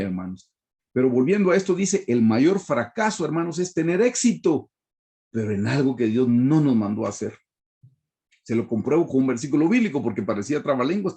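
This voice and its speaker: A man's voice: medium pitch, mellow. A man with a Guatemalan Spanish accent, preaching a sermon over a video call, emphatic and repetitive, often addressing listeners as brothers. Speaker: pastor.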